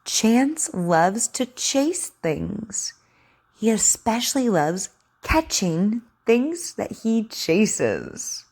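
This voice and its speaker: An encouraging woman teacher gives a read-aloud lesson for children. She speaks slowly and over-enunciates, setting each word out deliberately. Her pitch moves in lively swings. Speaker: speech articulation teacher.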